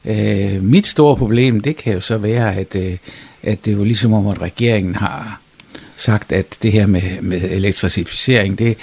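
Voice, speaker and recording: A man's voice: on the low side, gravelly, a little mellow, husky. A male historian, answering interview questions hesitantly, with many fillers and restarts. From Denmark. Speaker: historian guest.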